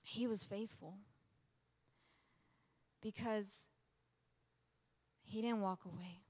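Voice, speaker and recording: A woman's voice: medium pitch, fairly even intonation, slow, a little mellow, slightly rough. A woman preacher giving an emphatic sermon and repeating key phrases for weight. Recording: long hall reverb.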